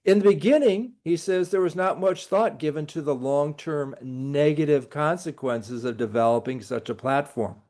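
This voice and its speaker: With a slightly high, somewhat mellow voice, a middle-aged professor lectures at a normal speed with few pauses. The recorded talk is laced with dry, sarcastic humor.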